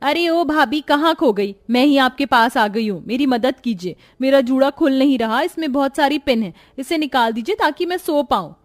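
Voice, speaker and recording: A woman's voice: animated, normal speed, few pauses. A woman voicing a lazy, scheming young married woman in a cartoon, talking in a bratty, cheeky way. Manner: bratty and cheeky, high and sing-song. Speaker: sister-in-law character. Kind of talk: cartoon voice acting.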